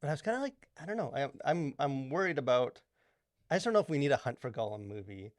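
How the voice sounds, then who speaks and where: A podcast co-host chats casually and rambles, his speech full of fillers and restarts. His mid-range voice is animated and fast, captured dry at studio quality.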